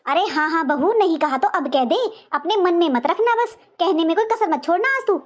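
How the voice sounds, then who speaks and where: A woman voicing a sharp-tongued older mother-in-law in a cartoon, taunting and sarcastic in every line. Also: very high voice, lively intonation, a little fast. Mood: sarcastic scolding. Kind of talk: cartoon voice acting.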